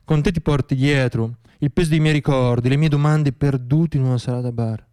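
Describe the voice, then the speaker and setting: A man delivers a theatrical radio monologue in an expressive, declamatory style, shifting between poetic reflection and wry irony. His voice is medium-pitched and smooth, his pace a little fast.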